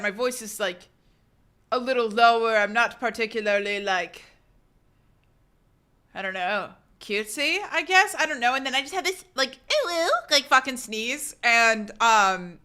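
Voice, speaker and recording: A young woman streamer with a bright, somewhat high voice chats loosely with her live audience at normal speed, reading comments aloud and answering them easygoingly, with plenty of fillers, restarts and casual swearing. She says her voice turns fairly low and relaxed when she's tired.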